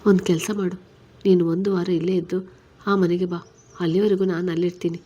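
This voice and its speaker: A woman reading a story, voicing a caring middle-aged mother-in-law who gently reassures her daughter-in-law. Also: lowish voice, level tone, moderate pace, husky, lo-fi sound. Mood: reassuring.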